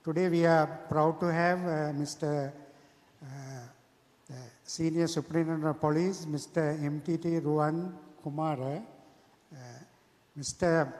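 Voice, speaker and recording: Male event moderator, Sri Lankan accent. Higher-pitched, formal and halting, in a reverberant hall. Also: a little mellow. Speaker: symposium moderator introducing a speaker. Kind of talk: formal introduction speech. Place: large hall at a symposium. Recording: echoey hall with long reverb.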